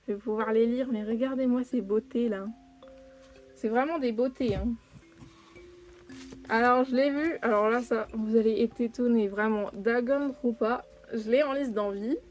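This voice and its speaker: A young woman talks her way through an unboxing at home in a fairly high voice. She rambles, cuts herself off and tacks little fillers onto her sentences. Faint music plays underneath. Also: a little mellow. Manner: chatty, rambling, self-interrupting with many "hein". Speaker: manga collector vlogger. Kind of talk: casual unboxing chat to camera. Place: home room near her desk.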